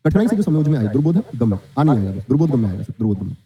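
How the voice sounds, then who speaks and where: Young guy teaching an online class super fast, quizzing, bit muffled audio. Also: mid-range voice, sing-song. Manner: quizzing, answers his own questions, reads student comments. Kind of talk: online exam-prep class. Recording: dull lo-fi sound.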